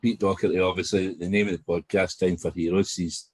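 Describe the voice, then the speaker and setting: A man hosting a podcast, asking questions in a relaxed, casual way. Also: sits low, brisk, no room sound. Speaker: podcast host.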